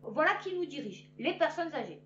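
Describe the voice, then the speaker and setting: A woman reading news headlines aloud and adding sarcastic, animated asides to her viewers. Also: high-pitched, moderate pace. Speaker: news commentator. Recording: roomy, dull lo-fi with faint hum.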